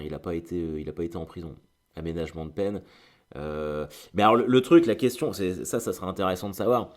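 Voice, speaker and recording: Chatty low-voiced French man rambling. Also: darkish tone. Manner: chatty, digressive, full of fillers and acted quotes. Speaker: host. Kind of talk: casual storytelling monologue.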